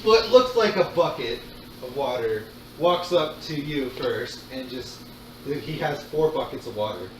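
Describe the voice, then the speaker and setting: A man runs a tabletop game, narrating slowly and informally with halting phrases. His mid-pitched voice sits back from the mic in an echoey room with clear background noise. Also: animated, distant mic. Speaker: game master.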